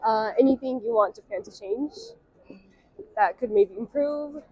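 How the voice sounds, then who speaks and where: A woman interviewing tourists on the street, asking short questions in a soft, gentle way. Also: a little high, a little slow, breathy edge, dry recording, lo-fi sound. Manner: soft-spoken, brief prompting questions.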